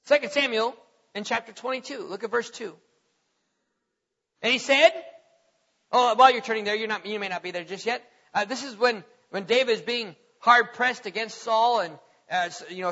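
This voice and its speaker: High, bright-voiced man preaching in a hall. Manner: emphatic, drawn-out preaching that swings from loud to quiet. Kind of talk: sermon with scripture reading. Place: church sanctuary. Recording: reverberant hall, dull lo-fi sound.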